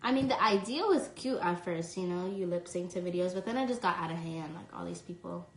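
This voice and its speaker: Talking fairly quickly in a voice on the low side, the young woman from New York reads fan questions on her phone livestream and answers them casually, filling gaps with "um" and "like." The audio is poor, with an echoey room and slight background noise.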